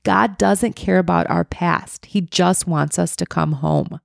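A woman co-hosting a casual faith podcast, retelling a parable with lively, playful character voices. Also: on the low side, measured pace, creaky, no echo, clean studio sound. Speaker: podcast co-host.

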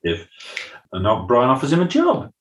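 A man's voice: medium pitch, wildly swooping pitch, a little fast, slight background noise. A man, co-hosting a podcast and chatting casually through a recap, often acting out lines from scenes. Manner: chatty, quotes scenes in funny voices. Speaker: podcast co-host. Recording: roomy echo.

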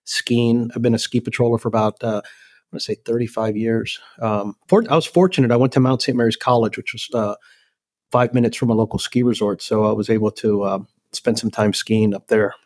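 An older man from El Salvador, a company president talking as a guest in a relaxed, rambling way with many ums and restarts. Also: lowish voice, a little fast. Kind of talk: casual interview chat.

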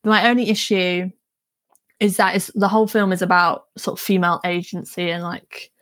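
A woman film journalist guesting on a podcast, relaxed and chatty, laughing often. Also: fairly low pitch, a little fast, no room sound. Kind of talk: casual film chat.

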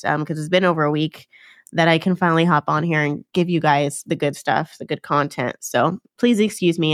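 A woman with a lowish voice hosts her own podcast solo, chatting casually and upbeat with listeners. She sounds nasal from a cold, uses fillers and often corrects herself, and the studio-quality recording has no echo.

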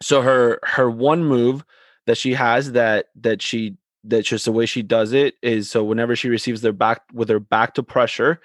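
A man who coaches youth soccer and co-hosts a podcast, telling a story in a casual, animated way with many restarts and repeated words. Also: mid-range voice, normal speed, no echo.

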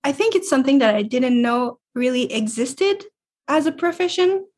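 A young woman from talks in a husky, slightly breathy voice that sits a little high. Her colours her English, and she answers plainly and without hurry. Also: expressive, normal speed, a little mellow. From Quebec. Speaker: guest illustrator. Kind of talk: casual interview.

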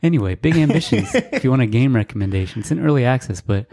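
A man's voice: medium pitch, lively intonation, fast talker, mellow. A man co-hosting a casual podcast, talking in a laid-back, dry, rambling way with fillers. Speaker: podcast co-host. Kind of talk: casual chat.

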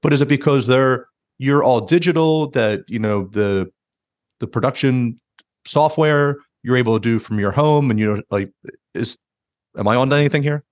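A man's voice: mid-range voice, normal speed, no room sound, clean studio sound. A man hosting a podcast interview, asking long, winding questions in a casual way. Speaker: podcast host.

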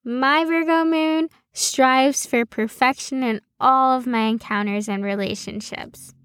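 Woman, podcast host, unhurried scripted storytelling, dry recording. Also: fairly high pitch, no echo. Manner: slow, deliberate storytelling. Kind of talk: scripted personal narration.

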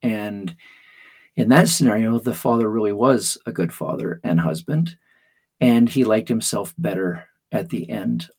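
Gravelly-voiced man telling a parenting story. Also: lowish voice, a little slow, a little mellow. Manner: narrates anecdotes step by step, explanatory. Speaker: mentor explaining emotions. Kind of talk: podcast storytelling.

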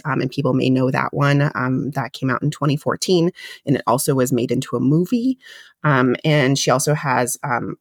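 A woman's voice: extremely low pitch, dry recording, studio quality. Chatty librarian woman co-hosting a podcast. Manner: chatty, enthusiastic, quick with restarts. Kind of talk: casual chat.

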